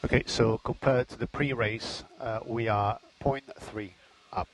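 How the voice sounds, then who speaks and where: A man's voice: medium pitch, fairly even intonation, unhurried, crowd noise. A man working as a race engineer, giving terse spotter-style calls to a driver over team radio, repeating key instructions. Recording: noisy team radio with vehicle noise.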